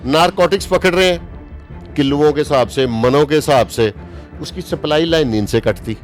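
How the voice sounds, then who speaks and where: An opinionated Pakistani man in his fifties, appearing as a journalist guest in an interview, speaks with a Pakistani Urdu accent in a voice on the high side, over soft background music. He is emphatic and slows down to stress his points.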